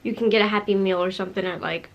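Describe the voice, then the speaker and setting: A woman's voice: mid-range voice, steady tone, racing, highs cut off. A woman in her late twenties talking casually to her viewers in a bubbly, sassy way, full of fillers and restarts. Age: 20s. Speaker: vlogger. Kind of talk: casual talk to camera.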